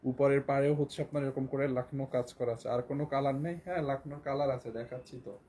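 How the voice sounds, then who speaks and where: A hoarse man with a Bangladeshi Bengali accent, selling clothes on a live stream and repeating prices again and again. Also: medium pitch, flat delivery, racing, warm tone, a little hiss or hum. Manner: repetitive, keeps repeating prices and urging viewers to buy. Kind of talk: live shopping sales pitch.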